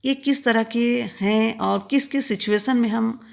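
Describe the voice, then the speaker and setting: A woman teacher with an Indian accent, explaining English grammar, reading each example sentence slowly before explaining it. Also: a little high. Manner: reads English examples slowly and clearly, then explains in quick Hindi.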